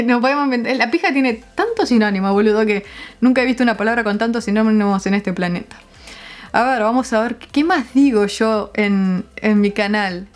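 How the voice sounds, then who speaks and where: A young Uruguayan woman vlogging casually, explaining her slang with frequent laughs and pauses to find the right words. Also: medium pitch. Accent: Uruguayan Spanish. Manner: chatty, laughs often, searches for words.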